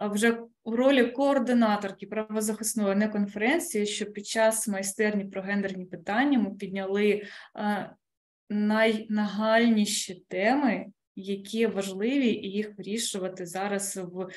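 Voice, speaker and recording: A woman moderating and closing an online conference in a formal, earnest way, with hesitant fillers, over a video call. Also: mid-range voice. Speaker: moderator and event coordinator.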